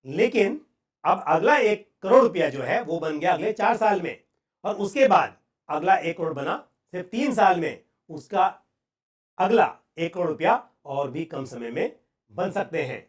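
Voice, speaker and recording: A man with a high-pitched voice and an Indian accent presents a finance lesson. He explains step by step in a deliberate way, pausing for emphasis. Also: lively intonation.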